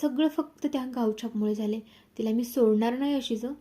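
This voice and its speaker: Possessive young rival, sweet-talking one moment and spiteful the next, pitched a little high, read by a woman narrator. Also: brisk, dark tone, close to an everyday voice. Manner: sweet-talking, then bitter.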